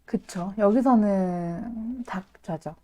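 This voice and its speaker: Excitable, laughing woman streamer. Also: medium pitch, slow. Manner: excitable and dramatic, often laughing, exaggerated frustration. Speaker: streamer hosting a live chat. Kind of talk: casual live-stream chat reacting to viewer comments.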